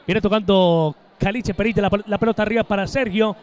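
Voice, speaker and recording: A male play-by-play announcer calls a match live in a high-pitched voice, with excited, breakneck goal commentary and drawn-out shouts. A little hiss or hum can be heard.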